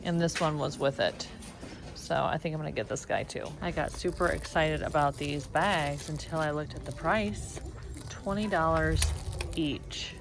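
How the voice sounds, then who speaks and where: A woman's voice: low-pitched, moderate pace, creaky. A woman with a cold who is losing her voice, chatting enthusiastically as she narrates a thrift shopping vlog. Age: young adult to middle-aged. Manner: chatty, enthusiastic about finds. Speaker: vintage reseller and vlogger. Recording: music playing behind the voice.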